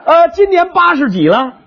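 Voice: very high-pitched, very animated, measured pace. A crosstalk comic telling a rumor in a gossipy, conspiratorial way, drawing it out with hesitations, on a muffled stage recording. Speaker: crosstalk comic, lead teller.

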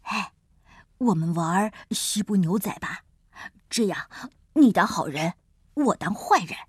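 A woman's voice: mid-range voice, expressive, takes it slowly, slightly rough, no echo, studio quality, pitched below the performer's own voice. A woman voicing a big bossy male tiger in a children's storybook reading, with a drawling, self-satisfied manner. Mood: coaxing. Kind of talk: storybook read-aloud.

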